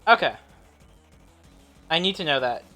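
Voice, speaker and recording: A laid-back man acts as game master for a tabletop game, chuckling between rulings. His voice is bright and forward, with soft music under the session. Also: on the high side, animated. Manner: laid-back, laughs often, quick asides. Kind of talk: running a tabletop game, casual chat.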